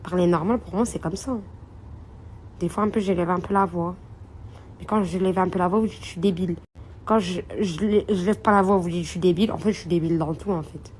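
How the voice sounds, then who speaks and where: A woman's voice: lowish voice, steady tone, brisk, a little mellow, slight background noise. A young woman, chatting casually to her followers in a rambling phone vlog from a hotel room. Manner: chatty, rambling, addresses viewers as princesses and girls. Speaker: vlogger.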